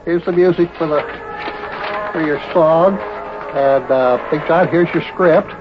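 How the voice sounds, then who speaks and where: A jolly, folksy bandleader who hems and haws and chuckles as he talks, played by a man. He speaks in a fairly high voice. The sound is a dull old recording with a band playing underneath. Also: unhurried, music in the background, natural voice. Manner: folksy, hesitant, drawling, chuckling.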